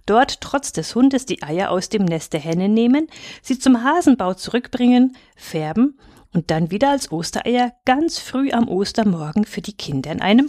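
A woman narrating a fairy tale aloud in a measured, expressive storytelling manner. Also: on the high side, no echo, studio quality.

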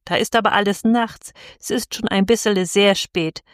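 A woman voicing a rough country carter who talks in folksy, dialect-tinged speech. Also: high voice, steady tone, moderate pace, a bit bright, no room sound, clean studio sound. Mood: jovial.

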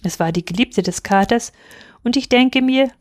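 A woman reading a fairy tale aloud in a calm, measured storytelling manner. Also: a little high, dry recording, studio quality.

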